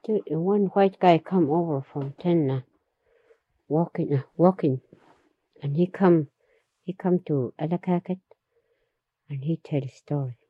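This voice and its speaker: Woman storyteller, low husky voice, slow unhurried telling, muffled dry recording. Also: no room sound. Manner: unhurried, repeats herself, laughs between stories. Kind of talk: oral history storytelling.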